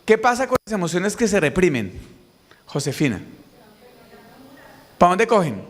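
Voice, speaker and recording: A man's voice: high voice, measured pace. Colombian man talking in an echoing hall. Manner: lively, questions the audience directly. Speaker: motivational speaker. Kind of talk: conference talk with audience questions. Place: large conference hall. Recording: reverberant hall, mic on stage.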